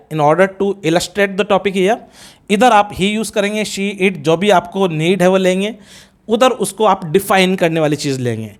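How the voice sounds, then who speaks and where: Middle-aged Indian-accented male teacher, high voice, very measured classroom delivery. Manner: slow, deliberate drilling of example sentences; switches between Hindi and English. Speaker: English teacher. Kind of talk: classroom grammar lecture.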